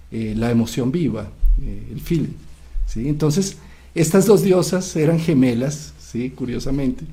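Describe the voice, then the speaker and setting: A psychiatrist retelling an ancient myth in an animated, lecture-like way, often pausing to check that his listener follows. His voice is warm and mellow at a middling pitch. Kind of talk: lecture-style storytelling.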